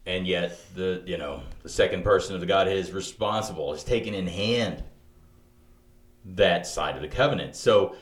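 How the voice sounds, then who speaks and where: Deep-ish guy talking theology on a podcast, echoey room, gets animated, restarts a lot. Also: normal speed. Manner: animated, thinking aloud with many restarts. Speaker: podcast co-host. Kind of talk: theological conversation.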